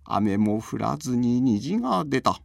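A man voicing a frail, bedridden old man in a folk tale, speaking slowly in a high, quavering voice. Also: sing-song, creaky, no echo, studio quality, exaggerated voice. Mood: delighted. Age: older.

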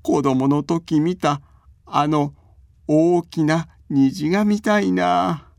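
A man voicing a frail, bedridden old man in a folk tale, speaking slowly in a high, quavering voice. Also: creaky, darkish tone, dry recording, studio quality. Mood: wistful. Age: older.

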